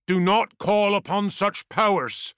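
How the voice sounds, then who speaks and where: A man's voice: high voice, measured pace, a bit bright, clear, resonant tone, dry recording, clean studio sound, voice pushed up. A man voicing a harsh, commanding male warlord, scornful and desperate.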